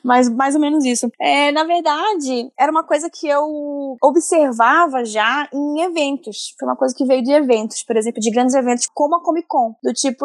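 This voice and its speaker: A woman's voice: high voice, dry recording, studio quality. A young woman from northern Brazil, a comics professional, telling stories animatedly as a podcast guest. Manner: animated storytelling, lively slang, laughs often. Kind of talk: casual podcast interview.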